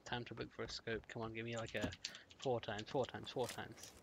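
A man's voice: medium pitch, little pitch movement, normal speed, creaky, background noise. A man chatting casually while playing a game, muttering to himself as he loots. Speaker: player.

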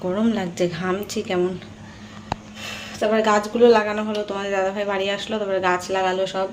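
A young Bengali woman from India, chatting casually to her viewers in a home vlog, her voice a little hoarse from a sore throat. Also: mid-range voice, level tone, a little fast, slight background noise. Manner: chatty, addresses viewers directly with fillers. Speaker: vlogger. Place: at home, in and out of doors.

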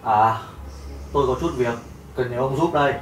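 An actor playing a tired young husband and son, blunt and fed up. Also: male voice, mid-range voice, moderate pace, slight background noise, close to an everyday voice. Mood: weary. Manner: blunt and tired, then contrite. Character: weary son and husband, gives up his mother, repents. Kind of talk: melodrama acting. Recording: roomy, distant mic, music behind.

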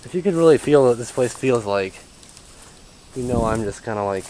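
Filming himself in an overgrown yard outdoors, a young urban explorer vlogger talks hesitantly and uneasily, trailing off mid-sentence. His medium-pitched voice is expressive and darkish at a moderate pace, heard through poor audio with slight background noise.

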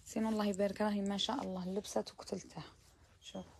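Woman, Algerian Arabic accent, quick chatty shop talk, French words mixed in, middling pitch. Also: flat delivery, creaky, darkish tone, slight background noise. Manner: chatty, mixes French words, praising each garment. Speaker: abaya shop seller. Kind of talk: live shopping try-on walkthrough.

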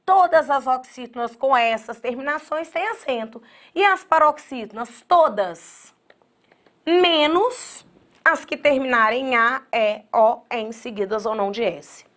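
A woman teaching an online exam-prep grammar lesson in a lively, chatty way, talking straight to her students. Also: high voice, measured pace. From Brazil.

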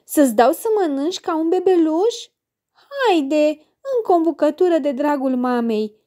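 A woman's voice: high-pitched, expressive, warm tone, voice pushed up. A woman voicing a mother in a children's story who urges and coaxes her child to eat. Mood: insistent. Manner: urging, coaxing. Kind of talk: storybook character voice.

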